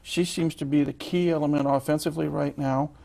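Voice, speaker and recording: A man's voice: on the high side, fairly even intonation, creaky, dark tone. A man hosting a college sports interview show, reading player statistics with frequent fillers and restarts. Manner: reads stats haltingly with many fillers. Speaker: host.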